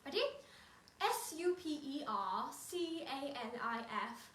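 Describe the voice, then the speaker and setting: Playing a prim, cheerful young nanny for a children's activity video, the performer speaks slowly and animatedly, her acting very heavy. Her high voice is fairly bright as she cheers on children we never see in sing-song fashion. The recording sounds roomy, picked up from a distant mic.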